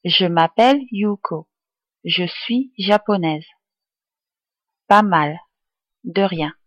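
A woman tutor reading useful phrases aloud for learners, enunciating each one clearly and deliberately. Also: lowish voice, no echo, muffled recording. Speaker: language tutor.

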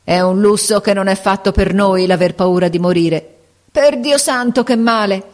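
A woman's voice: mid-range voice, normal speed, pitched above the performer's own voice, close to an everyday voice. A woman voicing a sinister, scornful middle-aged woman lying sick in a hospital bed, mocking and moaning in pain.

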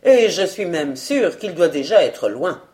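A woman's voice: on the low side, very animated, unhurried, dark tone. A woman voicing a male night guard speaking in a matter-of-fact, assured way.

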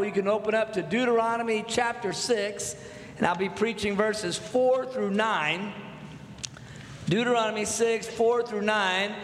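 A pastor in his thirties from North Texas, with a Texan accent and a voice that sits high and a bit bright, preaches an earnest sermon. He builds with repeated phrases and asks the congregation questions in a church sanctuary, where the hall echoes with long reverb.

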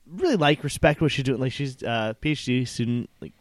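A man's voice: mid-range voice, expressive, brisk, no room sound, clean studio sound. A young man hosting a podcast, telling a long story in casual chat, full of fillers. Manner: rambling storyteller, many fillers. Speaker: podcast co-host.

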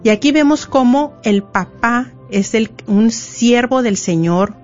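A woman's voice: fairly high pitch, animated, takes it slowly, a little mellow. Emphatic woman preacher, muffled recording. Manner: emphatic, addresses listeners directly. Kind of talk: sermon. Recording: muffled lo-fi recording with faint music.

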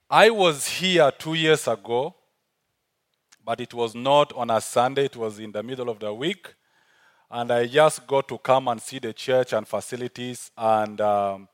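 A medium-pitched man with a South Sudanese accent gives a sermon as a church's guest speaker. Earnest throughout, he repeats key phrases for emphasis.

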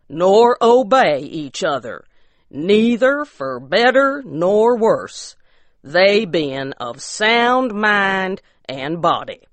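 A woman's voice: mid-range voice, no room sound, voice pushed up. A woman voicing a solemn, pompous rural justice of the peace who speaks in formal, ceremonious legal phrases.

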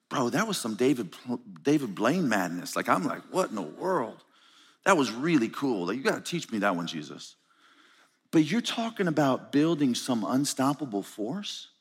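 A man's voice: medium pitch, fairly bright tone, breathy edge, voice pushed down, exaggerated voice. A man voicing a bewildered male disciple who talks in casual slang, calling his teacher man and bro. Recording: reverberant conference hall.

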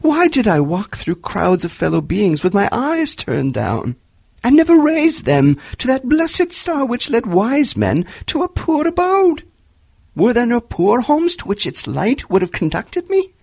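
A man voicing the mournful, stern ghost of a dead miser, declaiming slowly with anguish. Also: very high voice, huge pitch swings, gravelly, darkish tone, no echo, pitched above the performer's own voice, heavily acted.

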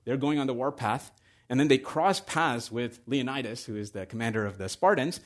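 A man preaching a sermon in a conversational way that builds to excited emphasis. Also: medium pitch, normal speed.

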